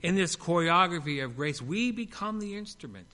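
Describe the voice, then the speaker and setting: Bright-voiced man preaching a sermon. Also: high-pitched, moderate pace. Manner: expressive preaching with big swings between loud and hushed; playful humorous asides. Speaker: pastor.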